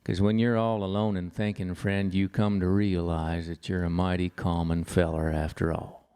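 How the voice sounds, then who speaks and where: A man reciting cowboy poetry in measured rhyme, with folksy cowboy diction. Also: deep voice, level tone, warm tone, smooth.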